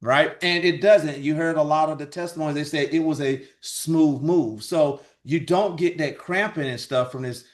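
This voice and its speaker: A man's voice: fairly high pitch, moderate pace, few pauses, reverberant. A man presenting a product and business opportunity to an audience, upbeat and repeating "right?" and "guys" as he goes. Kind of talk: sales pitch presentation.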